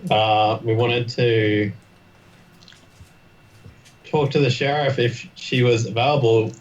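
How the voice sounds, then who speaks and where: A man's voice: medium pitch, flat delivery, slow. A man chatting casually as a player in a tabletop game, on a muffled, distant mic.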